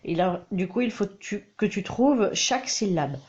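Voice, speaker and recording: A woman's voice: medium pitch, expressive, moderate pace, a little mellow, slight background noise. A woman teaching her child to read at home, patient and coaxing, recorded on a dull, lo-fi mic. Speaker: homeschooling mother. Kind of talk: reading lesson with a child.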